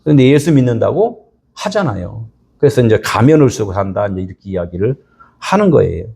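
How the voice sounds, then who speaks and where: A middle-aged man preaching a sermon as a pastor, in a conversational, animated way. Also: lowish voice, fairly quick, vocal fry, husky. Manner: animated, conversational preaching that acts out quoted people.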